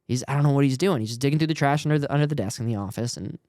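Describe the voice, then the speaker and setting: A man's voice: medium pitch, rapid-fire, no room sound, studio quality. A young man, a worship leader on a podcast as a guest, telling a story casually and acting out the voices of the people in it. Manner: animated, acts out the quoted voices.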